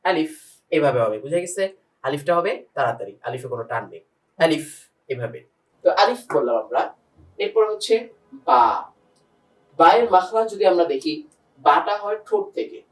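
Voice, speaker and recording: A man's voice: on the high side, lively intonation, fairly quick, pauses often. A man teaching a step-by-step pronunciation lesson for reading the Quran. He patiently repeats each letter sound and speaks straight to a student and to the viewers. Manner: addresses a student and the viewers directly. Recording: roomy sound, voice from a distance.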